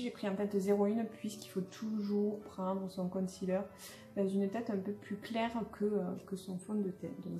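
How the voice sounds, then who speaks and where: Young woman vlogger, casual and halting, mellow tone, echoey room with faint music. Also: mid-range voice. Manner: hesitant, many fillers and restarts. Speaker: beauty vlogger. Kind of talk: casual unboxing chat.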